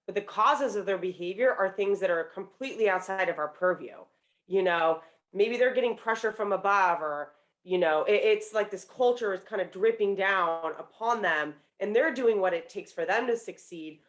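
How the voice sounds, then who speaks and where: A woman in her thirties, a professor and author appearing as a guest, explaining her points fluently and confidently. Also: mid-range voice. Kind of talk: interview answers.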